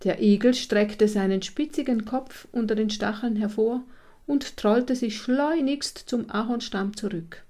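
A woman reading a children's animal story aloud, slowly and expressively. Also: on the high side, warm tone. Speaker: narrator.

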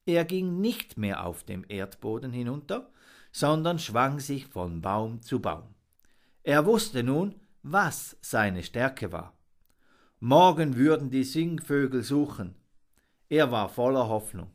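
A man's voice: mid-range voice, slow. A man reading a children's animal story aloud. He takes his time and lets his voice rise and fall with the drama of each scene. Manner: expressive, dramatic pacing. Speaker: narrator.

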